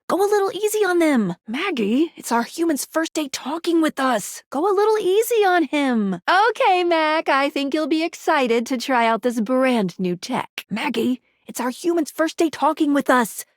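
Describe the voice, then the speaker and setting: Perky high-voiced game guide Skylar. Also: female voice, moderate pace, hardly any pauses, dry recording, clean studio sound. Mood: bubbly, playful. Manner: bubbly, teasing, expressive delivery. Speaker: tutorial guide and dating sim character. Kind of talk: scripted video game character dialogue.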